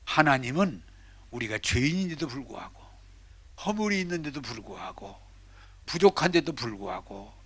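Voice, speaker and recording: An older pastor delivers a sermon with a bright, ringing voice in a dry, close sound. He swings dramatically from loud declarations to hushed whispers. His pitch sits a little high for a man. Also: no room sound.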